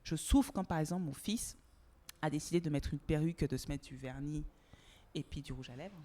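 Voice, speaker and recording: A woman from Togo speaks as a podcast guest in a frank conversational interview. Her voice sits a little low, and she talks with animated emphasis, stacking repeated words. She drops casual swear words as she goes. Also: a little fast.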